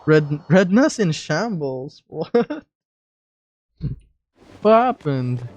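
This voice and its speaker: A man streaming a game who chats casually and jokes about himself. He talks slowly, with restarts. The tone is loose and self-mocking. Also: on the high side, very animated, a little mellow, no echo, muffled recording. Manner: chatty, self-deprecating, laughing. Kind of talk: casual commentary while gaming.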